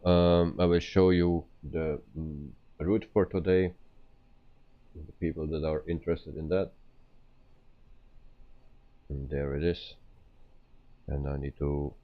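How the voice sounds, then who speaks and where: Very deep, slow-talking man streaming, dull sound. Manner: hesitant, explaining step by step. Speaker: flight simulator live streamer. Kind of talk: casual game commentary.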